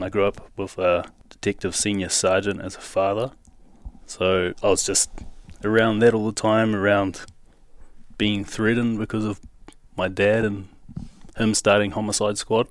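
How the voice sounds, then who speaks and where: A young New Zealander with a Kiwi accent candidly tells his life story as a podcast guest, speaking casually and with slang, punctuated by nervous laughs. His voice is fairly low, with no room sound.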